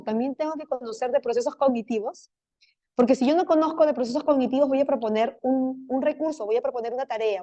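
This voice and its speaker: A woman's voice: on the high side, mellow, dull audio. A woman giving a conference lecture to teachers. She keeps putting rhetorical questions to the audience and walks them through each step. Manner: talks teachers through steps. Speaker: lecturer on learning difficulties.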